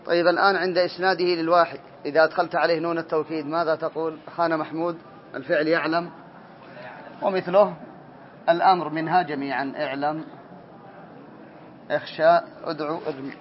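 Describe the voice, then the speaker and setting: A teacher of Arabic morphology, a man with a slightly high, steady voice, leads a classroom grammar lesson, drilling students, calling on them by name, and correcting their answers. He talks fast but leaves long pauses. The dull lo-fi recording has a little hiss or hum.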